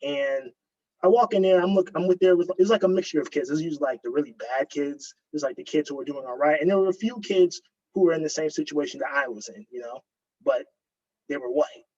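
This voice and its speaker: A man, a graduate student guest, telling a story casually, with a husky voice and lots of fillers. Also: on the high side, brisk. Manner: relaxed, filler-heavy storytelling. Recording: dull lo-fi recording.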